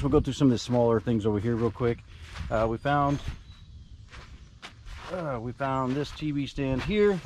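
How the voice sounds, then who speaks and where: Wearing a body camera on a rural lawn, a storage unit reseller vlogger rambles casually through his finds, dropping jokey asides. His voice is medium-pitched and slightly mellow, with a little background noise.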